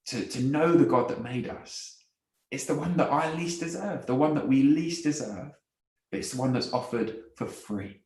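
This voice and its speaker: Male speaker, mid-range voice, earnest gospel talk with repeats and hushed moments, roomy echo. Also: medium pitch. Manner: earnest, repeats words, drops to soft quiet phrases. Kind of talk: evangelistic talk. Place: university event room. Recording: echoey room.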